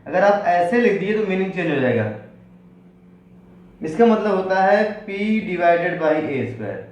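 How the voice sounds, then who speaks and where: Male maths teacher, slightly high voice, strong room echo, patient question-and-answer explaining. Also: sing-song, lo-fi sound. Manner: explains slowly, repeats points, asks and answers his own questions. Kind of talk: classroom lesson. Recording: very echoey room.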